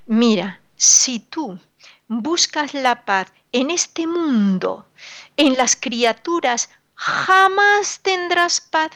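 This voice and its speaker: A woman's voice: high voice, big pitch swings, very slow, fairly bright tone, dry recording. A woman giving a radio sermon to listeners, emphatic and admonishing, repeating words and asking rhetorical questions in a sorrowful tone. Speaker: religious radio speaker.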